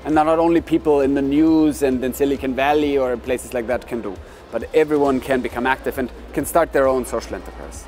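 A man in an interview, explaining quickly with gestures, in a large indoor atrium on a lapel mic. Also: mid-range voice, a little mellow, a little hiss or hum. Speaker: managing director.

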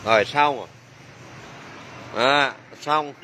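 A man's voice: medium pitch, takes it slowly, background noise. A man working as a motorbike mechanic, demonstrating a repair and joking and exclaiming to himself as he works. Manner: chatty, jokey, exclaims under his breath.

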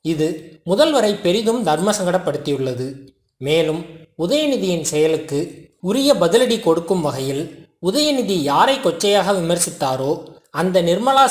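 Casting: formal scripted news narrator, measured phrasing, animated intonation, roomy echoing sound. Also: medium pitch.

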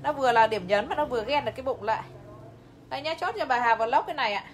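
A woman's voice: on the high side, expressive, racing, a little hiss or hum. A woman selling clothes on a livestream, chatty and talking straight to her viewers. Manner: chatty, addresses viewers directly, laughs often. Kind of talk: live sales pitch.

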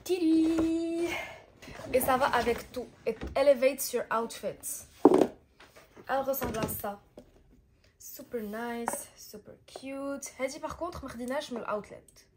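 A woman's voice: a little high, normal speed, very noisy. A young woman chatting casually through a shopping haul vlog and mixing languages as she talks. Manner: chatty, switching between languages mid-sentence. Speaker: vlogger.

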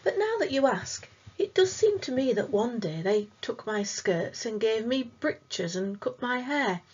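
A woman's voice: on the high side, sing-song, a little slow, slightly rough, muffled recording, heavily acted. A woman voicing a faint, sad ghost child from long ago who talks hesitantly and wistfully in old-fashioned words.

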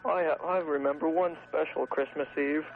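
A man's voice: a little high, steady tone, normal speed, vocal fry. A man making prank calls to a radio show, feeding straight-faced setups before a crude joke. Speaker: prank caller. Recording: muffled, noisy phone line on radio.

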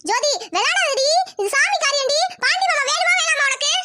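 A woman's voice: extremely high pitch, sharp tone, slight background noise, voice pushed up, exaggerated voice. Woman voicing a bossy village mother. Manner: brisk, scolding.

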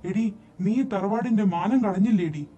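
A man voicing a harsh, furious older woman who heads the family, scolding at a shout with a raised pitch. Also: a little slow, husky. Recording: dull lo-fi recording, faint music behind.

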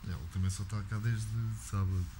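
A man's voice: sits low, little pitch movement, a little fast, noisy background. A man, a cat owner giving brief, matter-of-fact replies in a casual chat at home.

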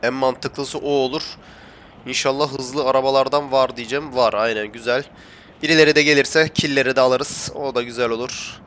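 A man's voice: mid-range voice, steady tone, moderate pace, a bit bright, a little hiss or hum. A young man commentating his gameplay for viewers, chatty and often complaining that he is getting annoyed. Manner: grumbling, gets worked up and complains to viewers. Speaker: gaming YouTuber.

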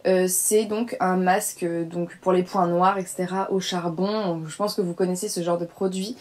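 A woman's voice: lowish voice, steady tone, moderate pace, a little mellow. A young adult woman chatting casually as a beauty vlogger, hesitant and full of fillers as she reviews her products.

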